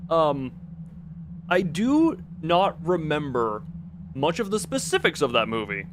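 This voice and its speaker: A man with a slightly high, sing-song voice speaks at a slow pace over a noisy background. He is live streaming a game and casually chatting with viewers, rambling, exclaiming, and often restarting and rephrasing his sentences.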